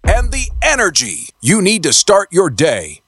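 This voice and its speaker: A man reading station promos in a smooth, polished announcer style, as the station's promo voice. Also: sits high, huge pitch swings, unhurried, fairly bright tone, soft background music.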